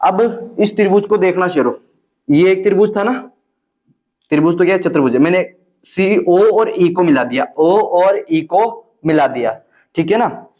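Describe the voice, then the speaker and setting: Man, maths teacher, high voice, teasing classroom banter, dull lo-fi recording. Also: moderate pace. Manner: joking asides to students, teasing banter.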